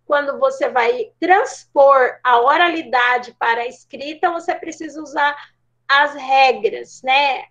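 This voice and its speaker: A woman's voice: high-pitched, a little slow, few pauses, a bit bright. A middle-aged Brazilian woman teaching an online class, explaining patiently and checking in with her students. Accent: Brazilian Portuguese. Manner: explanatory, checks in with frequent tags. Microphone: video call. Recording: dull lo-fi call audio.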